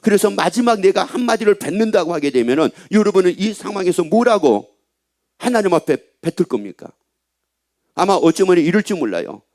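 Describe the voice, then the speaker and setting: A man's voice: high-pitched, big pitch swings, fairly quick, darkish tone. A middle-aged male pastor preaching a sermon in a church, emphatic and often asking the congregation questions. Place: church sanctuary.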